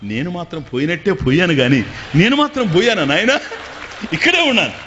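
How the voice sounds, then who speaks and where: Man doing a gentle old holy man. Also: medium pitch, fairly even intonation, a little slow, lo-fi sound, slight background noise. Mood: amused.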